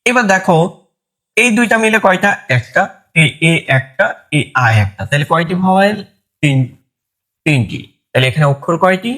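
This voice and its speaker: A man's voice: high voice, lively intonation, normal speed, a bit bright. A man teaching a grammar lesson, asking his students questions and answering them himself. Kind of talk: online lesson.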